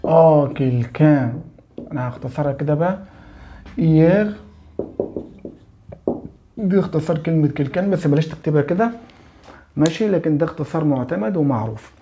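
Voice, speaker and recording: Egyptian guy teaching french, keeps asking you got it?, warm low-key tone, kinda muffled audio. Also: lively intonation, slight background noise. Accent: Egyptian Arabic. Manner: keeps checking in with the student, slow spelled-out examples. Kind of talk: classroom lesson explanation.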